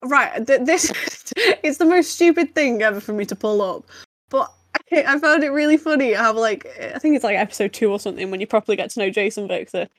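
A woman in relaxed podcast chat, giggling and animated as she talks. Her voice sits on the higher side, and the recording is close and dry with no room sound. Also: a little fast, dry recording. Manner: giggly, animated, laughs often. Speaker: podcast co-host. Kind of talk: casual chat.

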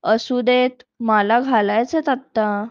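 A woman putting on a jealous little big sister from a storybook, whining and pleading in a high voice. She drags her words out slowly. The recording sounds dull and lo-fi. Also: fairly even intonation, dry recording. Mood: petulant. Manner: whiny, pleading. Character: sulky little girl, jealous older sister.

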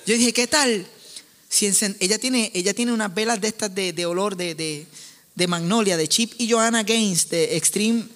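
Male pastor, sermon, high voice, animated and joking, acts out family scenes, long hall reverb. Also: moderate pace, a little hiss or hum.

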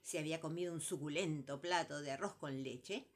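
A woman's voice: low voice, fairly quick. A woman with a Rioplatense Argentine accent telling a children's story in a playful, sing-song way.

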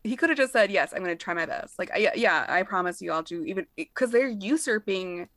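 A woman's voice: mid-range voice, expressive, fairly quick, fairly bright tone, no room sound. A woman in her thirties co-hosting a podcast, chatting candidly and laughing often. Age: 30s. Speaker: podcast co-host. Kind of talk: casual chat.

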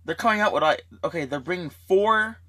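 A man's voice: high voice, animated, fairly quick, fairly bright tone, dry recording. A young man co-hosting a casual chat, crude and teasing. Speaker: co-host.

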